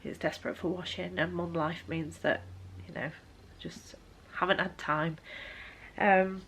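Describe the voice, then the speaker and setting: Weary woman, soft-spoken. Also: on the low side. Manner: hesitant, lots of ums, soft and weary. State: tired. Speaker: book vlogger. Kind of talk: casual vlog update.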